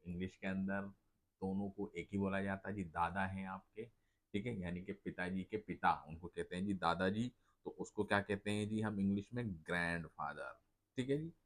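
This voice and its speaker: A man with a very low voice teaches English words to Hindi-Urdu speakers. He poses each question and answers it himself. He keeps tagging his lines with polite "जी" and "ठीक है". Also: fairly bright tone. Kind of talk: Hindi-Urdu vocabulary lesson.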